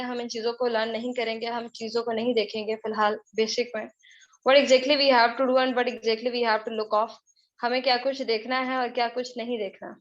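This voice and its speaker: High-voiced woman teaching a live online class. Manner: teasing, brisk and scolding, mixing English phrases into Hindi-Urdu. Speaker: spoken English teacher. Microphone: computer mic in a live online class. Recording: dull lo-fi online call audio.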